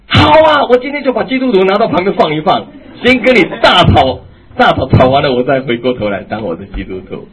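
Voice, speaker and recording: A man doing a fed-up shrill wife. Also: very animated, a little fast, slight background noise. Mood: exasperated. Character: hot-tempered wife snapping at her mocking husband. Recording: tinny phone-like, lo-fi.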